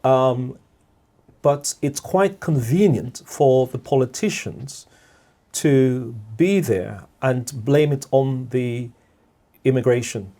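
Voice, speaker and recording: A middle-aged Guyanese man, a podcast guest, talks reflectively in a mellow, medium-pitched voice. He is measured, repeats words, and often checks in by asking "all right?".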